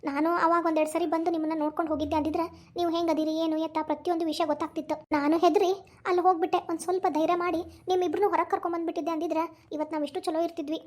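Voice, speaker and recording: A woman's voice: extremely high pitch, level tone, rapid-fire, darkish tone. A woman voicing a tearful, protective mother in a cartoon, with a North Karnataka Kannada accent. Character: grieving mother reunited with her son. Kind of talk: cartoon voice acting.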